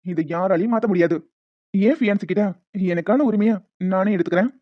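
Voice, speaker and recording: A woman's voice: medium pitch, brisk, no echo, close to an everyday voice. A woman voicing a smug, scheming young man who taunts and teases in a cartoon. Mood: taunting. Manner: taunting, teasing. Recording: dull lo-fi with music behind.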